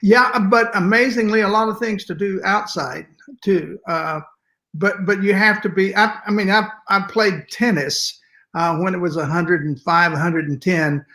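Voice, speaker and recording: An older man with a West Texas accent and twang, reminiscing conversationally in a folksy, halting way as an interview guest. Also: high voice, bright, forceful tone. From West Texas, United States. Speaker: interview guest, music educator.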